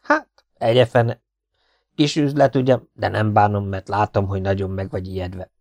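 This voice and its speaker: A fat, rude scorpion charmer who scolds and brags in an unhurried, low voice, as a male audiobook reader puts him on. He sounds sly and self-satisfied. The recording is close and dry. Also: steady tone, creaky, a little mellow, no echo. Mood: gruff. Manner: blunt, scolding, slow and cocky. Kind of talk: audiobook character voice.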